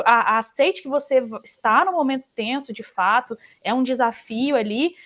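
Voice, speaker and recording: A young woman on a career panel, reflective, thinking aloud with small restarts. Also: on the high side. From Brazil. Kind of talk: casual panel talk giving career advice.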